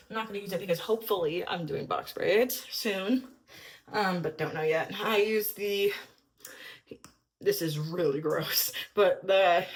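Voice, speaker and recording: Young woman, lifestyle vlogger, chatty and upbeat, slightly low-pitched, a bit breathless. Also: fairly bright tone. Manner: chatty, upbeat, filler-heavy. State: a little out of breath. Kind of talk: casual chat to camera.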